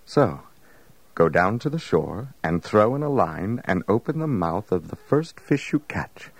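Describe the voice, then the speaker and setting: An actor playing a calm, authoritative master teaching gently in a Bible audio drama. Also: male voice, on the low side, a little slow, vocal fry, husky, no room sound, exaggerated voice, poor audio. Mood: calm, instructive.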